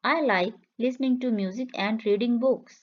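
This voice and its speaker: A woman reading English practice questions and answers slowly for learners, saying each line twice in a clear, measured way. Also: on the high side, highs cut off. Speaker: English teacher. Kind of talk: slow repeated phrase reading for learners.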